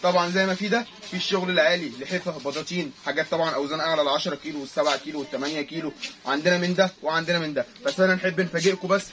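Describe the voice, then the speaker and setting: A man's voice: a little high, fairly even intonation, very fast, a bit bright, slight background noise. An Egyptian man promoting a shop's goods in street vendor sales patter, repeating short punchy phrases. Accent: Egyptian Arabic. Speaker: shop promoter, blanket seller.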